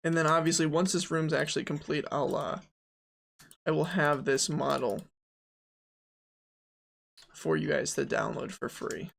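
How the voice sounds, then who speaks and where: A man's voice: a little high, fairly even intonation, measured pace, creaky, long pauses, fairly bright tone. A young man streaming game development, chatting casually, thinking aloud and answering his chat as he models.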